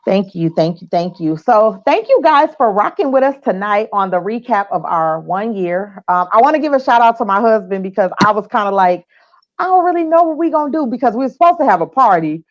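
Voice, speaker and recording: A woman's voice: medium pitch, animated, a little fast, few pauses, muffled recording. A woman hosting a podcast, chatting casually with upbeat, slangy hype as she wraps up the show. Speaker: podcast host. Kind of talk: casual show wrap-up chat.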